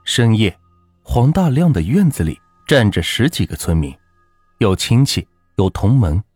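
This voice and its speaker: A man narrating a folk ghost story in a steady, measured way, dropping his voice low for suspense. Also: husky, no echo, soft background music. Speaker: storyteller host.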